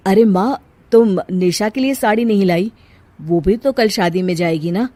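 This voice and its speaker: A woman voicing a gentle, downcast young husband in a family story, pleading softly. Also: mid-range voice, normal speed, no room sound, lightly acted. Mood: questioning.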